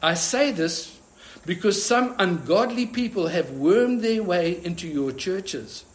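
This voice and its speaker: A man's voice: fairly high pitch, a little hiss or hum. A man preaching a sermon as pastor, earnest and often restarting with fillers.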